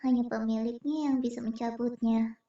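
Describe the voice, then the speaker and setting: Speaking at a normal pace with a steady, dark tone, a woman in an Indonesian comic dub plays an earnest female spirit planning to liberate her kind. Her natural voice sits on the high side and comes across as reassuring. It's recorded in a roomy space on a distant mic, with the highs cut off.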